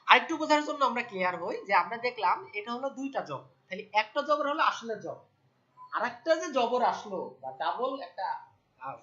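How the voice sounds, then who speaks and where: A woman's voice: on the high side, pushed and bright, dull audio. A woman teaching Quran reading step by step, patiently repeating each point and checking that the students follow. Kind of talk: step-by-step lesson.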